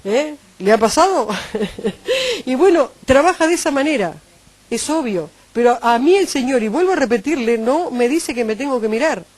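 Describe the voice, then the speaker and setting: A woman with a Uruguayan Spanish accent preaches a sermon, animated and acting out the voices of those she quotes. Her voice sits high, her pace is normal, and the recording is dry.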